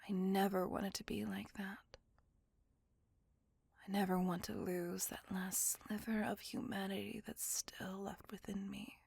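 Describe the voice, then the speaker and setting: A woman voices a gentle, remorseful immortal vampire in an ASMR roleplay, whispering tenderly and intimately with a breathy quality. Her medium-pitched voice stays flat in delivery on a dry recording, slow and earnest as she confides. The mood is remorseful, a confession.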